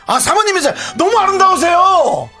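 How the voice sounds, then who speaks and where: A man's voice: very high voice, sing-song, a little fast, sharp tone, faint music behind, pitched above the performer's own voice, full character voice. A man playing a pushy, self-centered friend in a radio skit, fawning to guests and whiny to his friend.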